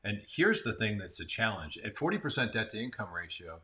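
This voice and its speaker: American guy, lowish voice, chatting about housing numbers, stumbles and restarts a lot. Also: sing-song, fairly quick, very noisy. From Central Florida. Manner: conversational, explains numbers with restarts. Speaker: real estate agent, co-host. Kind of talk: casual market-report chat.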